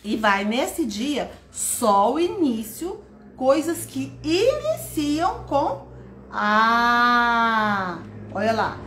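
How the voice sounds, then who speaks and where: A woman teaching a live online class to parents and educators, animated and stretching her words, greeting viewers by name. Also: high-pitched, slow pace. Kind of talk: live-stream teaching talk. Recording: roomy echo, faint background noise.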